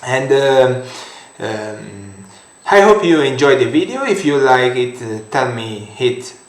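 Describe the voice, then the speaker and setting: Italian guy doing a software tutorial, slow and halting, lots of uh's, echoey room. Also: mid-range voice, very animated. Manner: halting non-native English with many fillers. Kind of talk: screen-recorded software tutorial. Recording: roomy echoey home room.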